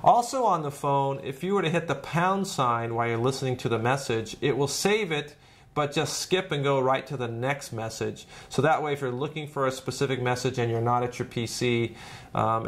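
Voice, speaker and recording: Walking through a software tutorial step by step, a man explains things the way a trainer would, informal and hands-on. His mid-range voice moves a little fast.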